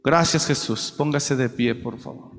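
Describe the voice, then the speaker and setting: A man preaching a sermon, moving from quiet storytelling to shouted exhortation. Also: mid-range voice, a little slow, long reverb tail, a little hiss or hum.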